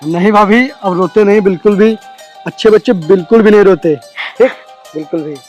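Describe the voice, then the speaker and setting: A young man playing an eager younger brother-in-law who coaxes and flatters. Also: high-pitched, a little fast, faint music behind. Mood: flattering. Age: young adult. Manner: coaxing, flattering.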